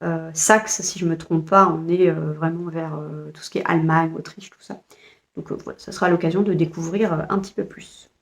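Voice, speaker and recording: A low-pitched, steady voice with vocal fry and a fairly quick pace belongs to a French woman vlogger. In a casual book haul chat, she describes her new books hesitantly, full of fillers and restarts.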